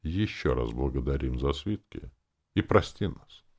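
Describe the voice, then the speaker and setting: A man's voice: very deep voice, lively intonation, measured pace, a little mellow, heavily acted. A man voicing an earnest young man who protests and then apologizes, in an audiobook reading. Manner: earnest, aggrieved.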